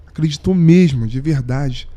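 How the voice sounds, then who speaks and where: A man's voice: fairly high pitch, normal speed, dark tone, highs cut off. Heartfelt man. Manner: slangy, heartfelt, drops to near-whisper at moving moments. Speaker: podcast guest, saxophonist. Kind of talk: emotional storytelling in casual chat.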